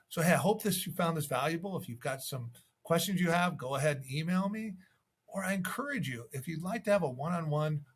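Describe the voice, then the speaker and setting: This real estate sales coach speaks in a husky voice that runs on the high side. He shares instructional sales tips conversationally, acting out sample calls as he goes.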